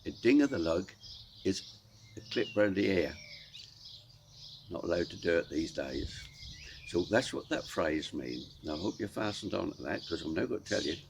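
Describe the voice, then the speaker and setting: Gravelly older Norfolk man, low-voiced. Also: animated, normal speed, long pauses. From Norfolk, England. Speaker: dialect storyteller. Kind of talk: folksy explanation of local dialect phrases with anecdotes. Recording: outdoor background noise with birdsong. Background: birdsong and outdoor ambience.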